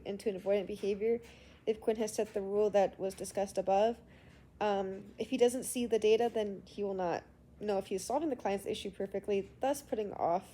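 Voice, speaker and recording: A sick student with a congested, medium-pitched, mellow voice records her class assignment, reading prepared answers with frequent hesitations. The audio is poor, with a little hiss or hum.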